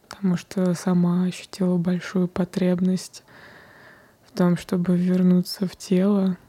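A woman guides a breathing meditation in a soft, breathy whisper. Her voice is dark and mellow, and it stays low and even, with almost no rise or fall. She moves very slowly and unhurriedly. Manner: soft whispered, slow and calm.

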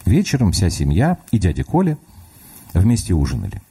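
A man reading his own humorous story aloud on radio, expressive and lively. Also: low-pitched, normal speed, vocal fry, husky. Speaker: author reading his stories. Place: radio studio.

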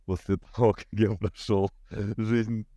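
A man's voice: on the low side, level tone, takes it slowly, warm tone, dry recording. A man in his thirties, a podcast guest talking casually and hesitantly, with many fillers. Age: 30s. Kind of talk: casual conversation.

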